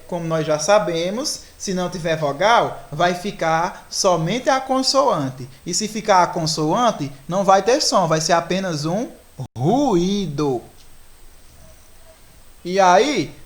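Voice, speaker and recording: A teacher with a Brazilian Portuguese accent walks the class through a grammar lesson one step at a time, frequently checking whether everyone is following. Her voice sits at a medium pitch.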